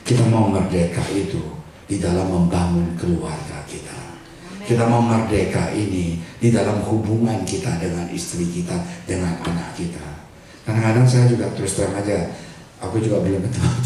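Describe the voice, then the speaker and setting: An older man preaching a lively, joking sermon to a church congregation, slipping in English and Chinese words. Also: low-pitched. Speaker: pastor. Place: church hall. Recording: echoey hall from far off with congregation. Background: congregation laughing.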